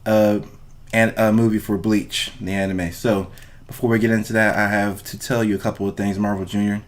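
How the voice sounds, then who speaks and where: A man's voice: fairly low pitch, flat delivery, brisk. A man hosting a casual podcast, informal and loose with language, speaking straight to his listeners. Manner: informal, profane, addresses listeners directly. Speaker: podcast host.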